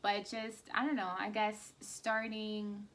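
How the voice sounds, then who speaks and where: A woman in her thirties co-hosting a casual podcast with her husband, soft-spoken and chatty, with lots of fillers. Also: medium pitch, monotone, slow. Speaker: podcast co-host. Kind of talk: casual chat.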